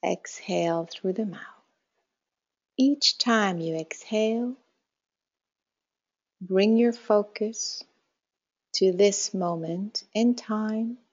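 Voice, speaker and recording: In a slightly muffled recording, a woman with a mid-range voice leads a guided meditation, giving slow spoken instructions separated by long pauses. She speaks at an extremely unhurried pace, calm and measured, and her phrases settle softly at the end.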